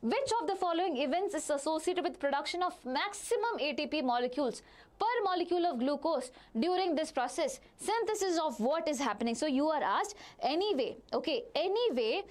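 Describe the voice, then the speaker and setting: A biology teacher with an Indian accent leads a live online class, repeating phrases, posing questions and answering them herself while speaking straight to her students. Her voice sits high and animated, moving a little fast.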